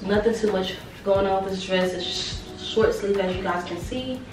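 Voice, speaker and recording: Talking over music at normal speed, this young woman in her twenties is a fashion vlogger doing a relaxed try-on haul. Her medium-pitched voice is slightly raspy from a sore throat, and she repeats words to stress them. The camera mic sits a few steps off in her small, bright bedroom, giving a roomy, far-off sound.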